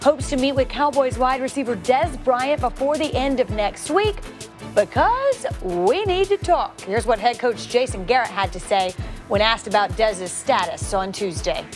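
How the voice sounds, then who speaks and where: A woman's voice: on the high side, lively intonation, moderate pace, soft background music. A woman hosting a TV sports talk show. She introduces segments and banters playfully with her co-hosts. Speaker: studio host. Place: TV studio.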